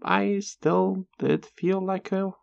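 This video creator has a mid-range, creaky voice with fairly even intonation. They narrate a scripted personal story in a measured, somewhat halting manner, with dry sarcasm, on a dull lo-fi recording.

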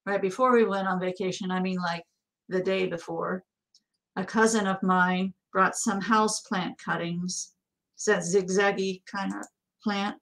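Speaking at a measured pace, this American co-host, a woman in middle age, has a steady, fairly bright mid-range voice. The setting is a relaxed question-and-answer conversation recorded in a small office.

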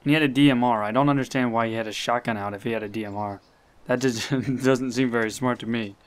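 A young man commenting live on his gameplay, talking to himself and getting excited. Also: mid-range voice, fast, clear, resonant tone. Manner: excitable, talks to himself, swears and laughs.

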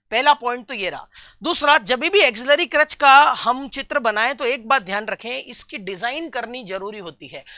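A man teaching a live online class for nursing exam students. He reads out viewers' answers, calls them friends and repeats key terms slowly. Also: very high voice, sharp tone, no echo.

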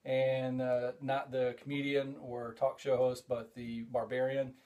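In a cluttered hobby room, a camera set a few feet back captures a middle-aged comic collector hosting a casual show-and-tell vlog. His mid-pitched voice is measured in pace, with the highs cut off, as he rambles happily, trails off, restarts with frequent "uh"s, and gets excited over every find.

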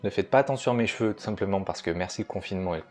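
A man's voice: sits low, very fast, soft background music. A young man chatting casually in a book vlog, self-mocking and hesitant, recorded indoors at home at night. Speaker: booktuber.

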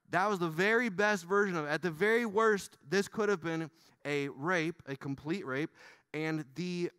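High-voiced animated male pastor. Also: smooth, dry recording. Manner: animated, talks to the congregation directly. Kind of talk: sermon. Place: church.

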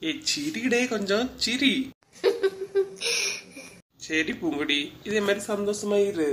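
A woman's voice: mid-range voice, expressive, takes it slowly, fairly bright tone, slight background noise. A woman voicing a firm but caring village woman in a cartoon, speaking with a Kanyakumari Tamil accent. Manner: firm, scolding, consoling. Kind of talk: cartoon voice acting.

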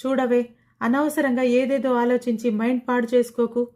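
A woman's voice: fairly high pitch, level tone, normal speed, close to an everyday voice. A woman storyteller voicing a bold young woman who scolds her friend and then urges her to be brave. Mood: encouraging. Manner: scolding, forceful, encouraging.

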